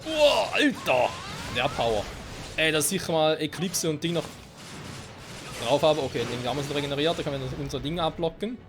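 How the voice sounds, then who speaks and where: A young man giving lively gameplay commentary and talking back to the characters on screen. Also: a little high, brisk. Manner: excitable, talks to the game characters. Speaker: let's play gamer. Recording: game music loud behind voice.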